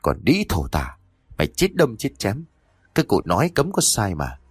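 A man playing a furious jealous husband from an old spooky audiobook, harsh and insulting, spitting out rapid scolding that lurches up and down in pitch, his voice low and close without any room sound. The delivery is biting and relentless, every word a fresh accusation. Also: big pitch swings, slightly rough, no room sound. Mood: enraged. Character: jealous, abusive husband in his village home.

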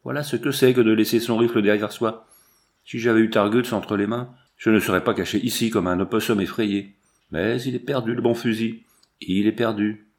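A man voicing a jovial old male mountain trapper with a gruff, folksy, cackling manner. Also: on the low side, animated, moderate pace, a little mellow, natural voice. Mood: rueful.

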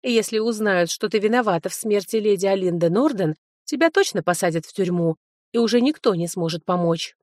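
A woman's voice: mid-range voice, expressive, brisk, no echo, clean studio sound, close to an everyday voice. A woman reading an audiobook, voicing a sly, self-serving young man, a former fiancé. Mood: mocking.

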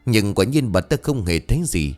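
A man's voice: on the low side, very animated, normal speed, darkish tone, faint music behind. A man narrating a ghost story in a dramatic, suspenseful way.

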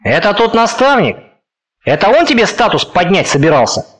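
An anxious elderly professor frets and fusses over every word, voiced by a male reader. His drawn-out questions come in a fairly high voice that swings widely in pitch. He sounds nervous throughout. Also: very animated, fairly bright tone, exaggerated voice. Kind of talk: audiobook character reading.

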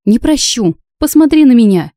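A woman voicing a sharp-tongued, stubborn young heroine in an audiobook, her retorts indignant and sarcastic. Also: a little high, big pitch swings, moderate pace, dry recording, clean studio sound, voice pushed up.

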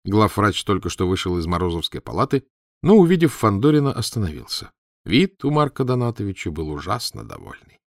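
Expressive low-voiced male narrator. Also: brisk, dry recording, studio quality. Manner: expressive, varied reading. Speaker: audiobook narrator. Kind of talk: scripted narration.

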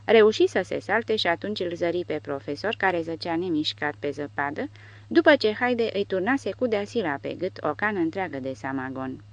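A woman narrating a war novel audiobook with steady storytelling. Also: on the low side. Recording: dull lo-fi audio.

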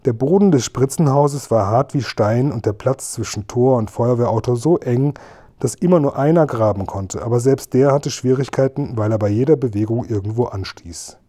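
Mellow-voiced man reading a storybook. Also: medium pitch, normal speed. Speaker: audiobook narrator. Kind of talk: scripted storybook narration.

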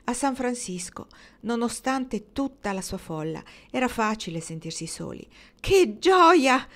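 A woman reading a historical novel aloud in a calm, measured storytelling manner. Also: mid-range voice. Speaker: audiobook reader.

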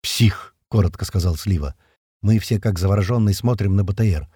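A man's voice: low-pitched, quick pace, husky, no room sound, clean studio sound. A man reading a first-person action audiobook in a vivid, tense storytelling manner. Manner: vivid, tense storytelling that voices the soldiers' shouts. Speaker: audiobook narrator.

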